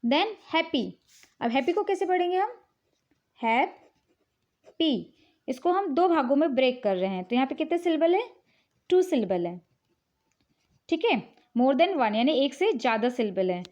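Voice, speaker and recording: A woman's voice: high-pitched, very animated, normal speed, darkish tone. A woman teacher explaining English spelling rules patiently, mixing in English words and checking in often. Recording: dull, lo-fi recording.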